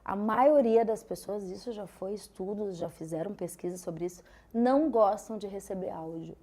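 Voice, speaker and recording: Woman guest, warm low-key timbre, reflective and explanatory. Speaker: guest, journalist. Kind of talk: casual podcast chat.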